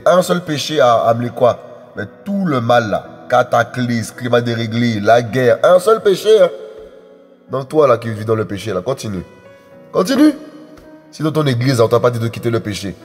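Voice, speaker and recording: A man's voice: mid-range voice, darkish tone. Emphatic preacher man in an echoey hall. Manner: emphatic, repetitive, addresses the congregation as friends. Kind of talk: sermon. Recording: echoey hall with faint music.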